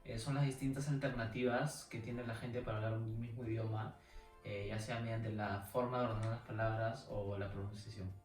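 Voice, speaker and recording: A man interviewing a guest, reading his questions briskly, as if from a script. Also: fairly low pitch, steady tone, darkish tone, echoey room, distant mic, soft background music.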